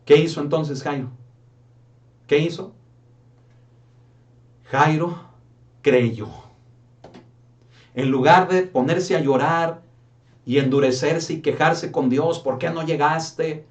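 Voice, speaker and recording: A man's voice: on the high side, takes it slowly, long pauses, far from the mic. A man preaching a sermon as pastor, asking rhetorical questions and often calling his listeners brother.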